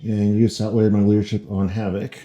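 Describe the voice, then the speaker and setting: A man playing a tabletop miniatures game, talking through his turn in a measured, dry way. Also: fairly low pitch, level tone, dark tone. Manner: measured, dry, counts moves out step by step. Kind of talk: casual game-table chat.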